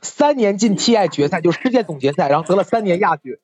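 A podcast co-host chatting casually about a comedy show, animated and laughing often. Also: mid-range voice, fast talker, soft background music. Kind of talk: casual chat commentary.

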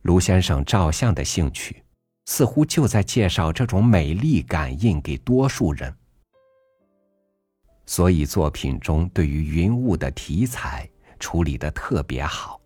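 A man reading a literary essay aloud for a podcast, measured and earnest, rising emphatically on rhetorical questions. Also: deep voice, big pitch swings, no room sound, studio quality. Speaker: podcast reader. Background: soft background music.

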